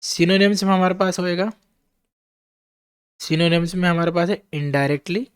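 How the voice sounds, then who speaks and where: A man's voice: high-pitched, moderate pace, clear, resonant tone, no room sound, clean studio sound. A man teaching English vocabulary to exam students, spelling each word out letter by letter and checking in with his listeners.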